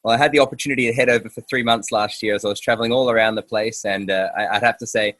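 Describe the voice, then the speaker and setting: A man's voice: lowish voice, fairly even intonation, racing, a bit bright, no room sound. A man hosting an interview outdoors, hesitant and full of fillers. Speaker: host. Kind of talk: casual interview talk.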